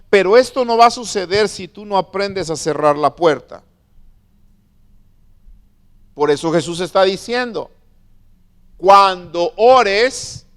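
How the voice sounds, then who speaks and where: A man preaching a sermon as a pastor, stressing words slowly and asking his listeners questions. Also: sits high, clear, resonant tone. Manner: preaching with slow emphatic stresses and questions to the flock.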